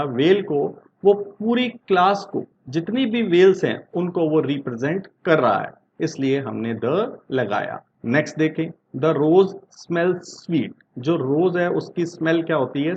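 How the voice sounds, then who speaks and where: A man teaching English grammar in Hindi. He asks his class questions and answers them himself, and reads the example sentences slowly. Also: a little high, highs cut off, a little hiss or hum. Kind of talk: Hindi-language grammar lesson.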